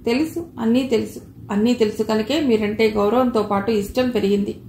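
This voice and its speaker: An earnest, affectionate young suitor from a storybook, as a woman narrator reads his part. He speaks gently and openly. The voice echoes a little in the room, with faint noise behind it. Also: a little high, a little fast, natural voice.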